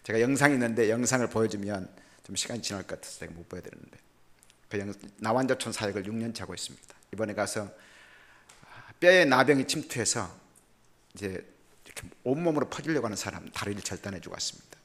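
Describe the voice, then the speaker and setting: Older male missionary preacher; bright, forceful voice, jokey storytelling sermon with big dynamic swings. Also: fairly low pitch, quick pace. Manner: animated and humorous, voice swinging from loud to quiet. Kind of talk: sermon with personal stories.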